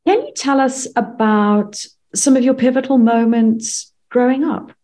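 A woman hosting an interview, asking her guest questions in a measured, composed way. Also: on the high side, warm tone. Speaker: interview host.

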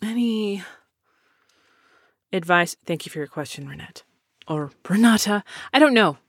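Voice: mid-range voice, animated, measured pace, a bit bright, no echo. Chatty podcast host in their thirties, dry sound. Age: 30s. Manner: chatty and self-deprecating, with loose tangents. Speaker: podcast host answering listener questions. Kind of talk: casual chat.

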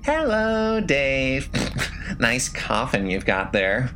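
A man's voice: medium pitch, big pitch swings, extremely slow, bright, forceful tone, a little hiss or hum, voice pushed up, heavily acted. A man voicing an eerie, capricious female fairy with a teasing, singsong manner.

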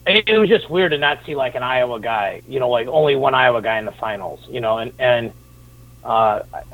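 Male co-host calling in by phone, thin lo-fi line, relaxed and thoughtful, some restarts. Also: mid-range voice, no echo. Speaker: co-host, rankings analyst. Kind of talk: sports podcast chat.

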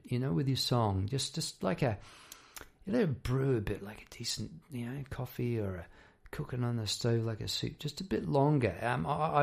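A man hosts a casual, reflective monologue as a working musician. His voice is croaky and gravelly, with plenty of fry. He speaks in a halting, rambling way, doubling back on his words as he thinks aloud. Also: mid-range voice. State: croaky voice after poor sleep. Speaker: songwriter and musician hosting a half-hour talk.

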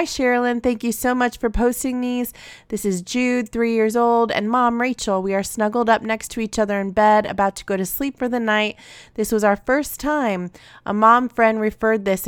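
A woman hosts a podcast and reads listener letters aloud with gentle encouragement. Her voice is smooth and resonant. The sound is dry and close, with no room around it. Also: mid-range voice, dry recording. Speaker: podcast host. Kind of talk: reading listener reviews aloud.

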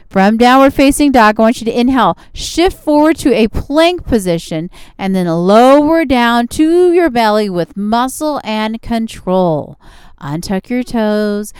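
A woman teaching yoga, with a strikingly smooth, clean voice in a dry, close recording. She gives directive, encouraging instructions as she guides a class through poses. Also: medium pitch, darkish tone, no echo. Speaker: yoga instructor, show host.

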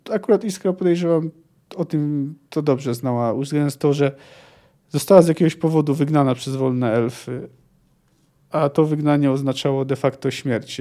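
A man's voice: medium pitch, moderate pace, mellow. A man hosting a podcast, reading passages from a novel aloud and musing on them with frequent restarts. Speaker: podcast host. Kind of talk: book discussion with read-aloud passages.

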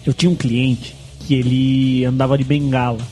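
A man's voice: mid-range voice, level tone, moderate pace, darkish tone, faint music behind. A man casually telling an anecdote in a podcast chat, acting out the quoted lines and laughing often. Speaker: podcast guest telling a story.

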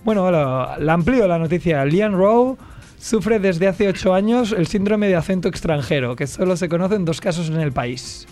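A man's voice: high-pitched, normal speed, a little mellow, faint music behind. A man hosting a casual radio show, reading news items and joking with mocking asides. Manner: jokey, laughs often, mocking asides. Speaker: radio host.

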